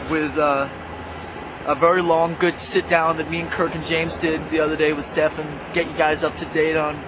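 A man in his thirties chatting loosely to a handheld camera outdoors on a snowy ski slope, joking with lots of fillers. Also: fairly high pitch. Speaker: vlog host. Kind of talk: casual on-camera chat. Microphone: handheld camera held close. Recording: outdoor wind and ambient noise.

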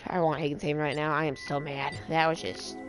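A woman's voice: low-pitched, flat delivery, brisk. A young woman giving casual, frustrated commentary over her gameplay, rambling and swearing. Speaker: gamer streamer. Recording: voice over game music.

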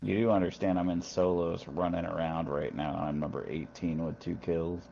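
A man's voice: deep voice, little pitch movement, a little fast, vocal fry, dark tone. A man bantering back at a friend in voice chat with dry, defensive comebacks. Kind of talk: casual banter over voice chat. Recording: dull lo-fi mic, faint hiss.

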